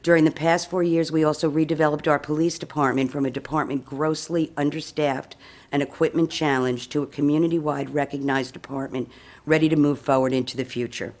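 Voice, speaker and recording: A woman, a mayor seeking renomination, giving a prepared speech at a community meeting and rushing through a long list of accomplishments. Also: low voice, fairly even intonation, a little mellow. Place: community center meeting room.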